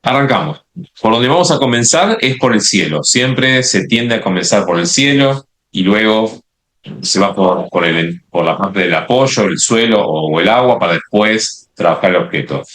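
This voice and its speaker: A man leads a watercolor lesson in a low voice. He explains each step as he paints, restarting phrases and checking in with his viewers. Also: lively intonation, moderate pace, a bit bright. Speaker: watercolor instructor. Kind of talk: live painting demonstration.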